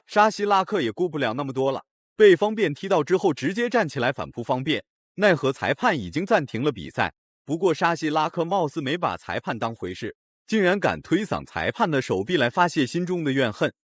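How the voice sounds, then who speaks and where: Man, fight recap narrator, husky, animated, dry close sound. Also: fairly high pitch, a little fast, dry recording. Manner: dramatic, opinionated storytelling. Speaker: video narrator.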